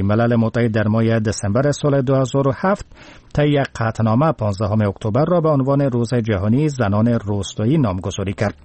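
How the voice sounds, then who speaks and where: A man's voice: mid-range voice, darkish tone, no room sound. Formal Afghan male newsreader, dry sound. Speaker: news headline reader. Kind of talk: formal scripted news reading.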